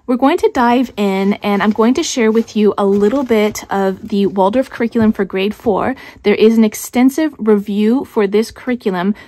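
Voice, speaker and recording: A woman talks through a homeschooling curriculum in easy, conversational explanation. Her voice sits at an ordinary middle pitch. The recording is close and dry, with no room sound. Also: darkish tone, no echo. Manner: conversational, thinks aloud with small restarts. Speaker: homeschool channel host. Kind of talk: casual explanatory talk.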